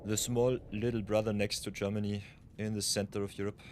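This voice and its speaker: A man's voice: on the low side, level tone, a little fast, darkish tone, a little hiss or hum. A man from Austria chatting casually while streaming a game, thinking aloud as he plays. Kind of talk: live gameplay commentary.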